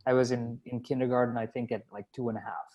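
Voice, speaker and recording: A man's voice: medium pitch, level tone, quick pace, highs cut off, a crowd in the background. Chatty man who grew up in Dubai. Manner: chatty, self-deprecating, many fillers and restarts. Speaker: company founder and CEO, guest. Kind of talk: casual interview conversation.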